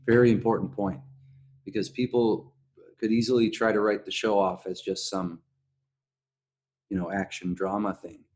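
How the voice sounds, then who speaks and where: A man hosting a casual podcast discussion, speaking in a halting way and often backtracking on his words. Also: on the low side, steady tone, darkish tone. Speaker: podcast host.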